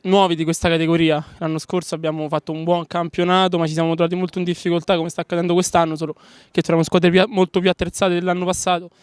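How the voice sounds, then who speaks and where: Man, post-match interview, fast pace, smooth clear voice, team member. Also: a little high, little pitch movement, dry recording. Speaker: member of a losing amateur football team, interviewed.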